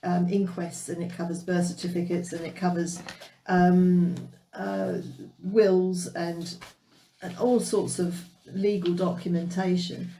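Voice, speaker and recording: A woman's voice: on the low side, steady tone, slow pace, warm tone, a little hiss or hum, poor audio. A woman talking casually as a researcher in a panel discussion, thoughtful and somewhat hesitant. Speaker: paranormal researcher.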